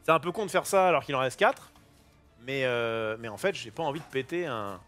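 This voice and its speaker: Lively, chatty man opening card packs. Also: mid-range voice, a little fast, soft background music. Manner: chatty and excitable, with casual slang and swearing; self-interrupting, thinking aloud. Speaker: host opening trading card boosters. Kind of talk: casual unboxing commentary. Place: home kitchen.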